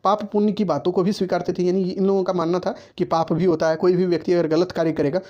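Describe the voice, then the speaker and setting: The audio is dull, but the speaker's voice is high, fast, level in tone and a little mellow. He is a man giving students an exam-focused history lecture, repetitively asking "ठीक है" and issuing writing instructions.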